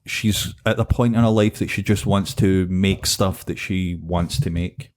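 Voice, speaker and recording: A man's voice: low-pitched, fairly even intonation, unhurried, a little mellow. A man with a Glasgow street accent, chatting informally as one of the hosts of a podcast. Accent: Scottish, Glasgow. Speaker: podcast co-host. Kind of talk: casual chat.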